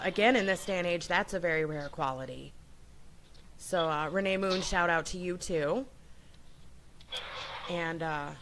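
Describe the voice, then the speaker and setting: A woman radio host with a lowish voice talks in a relaxed, unscripted way, praising the people she gives shout-outs to. Faint background noise sits under her voice. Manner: chatty and admiring, loose and unscripted. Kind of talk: casual radio talk, giving shout-outs.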